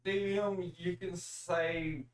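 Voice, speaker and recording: A man's voice: sits high, steady tone, slow pace. A man playing a tabletop game who suggests ideas and often stops and restarts his sentences. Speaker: player. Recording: echoey room, away from the mic.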